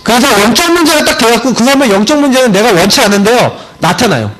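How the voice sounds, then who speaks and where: A male pastor preaching a sermon, telling a family story, swinging from emphatic high points to low, quiet storytelling. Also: big pitch swings, quick pace, slight background noise, low-quality recording. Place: church sanctuary.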